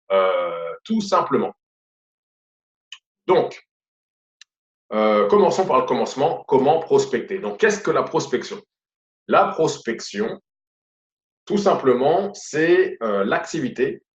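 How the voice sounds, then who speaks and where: A man with a Quebec French accent giving a casual sales lesson, chatty and full of fillers and repeated stock phrases. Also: mid-range voice. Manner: chatty, repeats "voilà" and "tout simplement", many fillers. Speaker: sales trainer. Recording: roomy, dull lo-fi audio.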